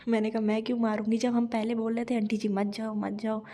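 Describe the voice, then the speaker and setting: Chatty woman vlogger, slightly high voice. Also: fast. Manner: chatty, lively storytelling. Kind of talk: casual home vlog narration. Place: at home.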